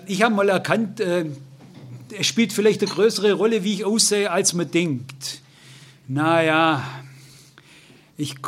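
An older man with a Swabian accent preaching a sermon, talking emotionally and turning to his listeners again and again. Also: high-pitched. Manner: emotional, addresses listeners directly, repeats "you know".

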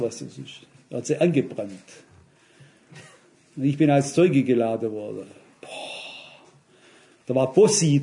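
A man preaching a sermon, telling personal stories and speaking straight to his listeners. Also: a little high. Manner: animated storytelling, addressing listeners directly.

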